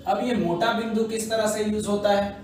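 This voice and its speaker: Guy teaching shorthand class, highish voice, far off mic, big echo, bit of hiss. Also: fairly even intonation, a little mellow. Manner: slow, repetitive teaching with frequent "है ना" and "ठीक है" checks. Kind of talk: classroom lesson explaining shorthand. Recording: echoey room, mic at a distance, faint background noise.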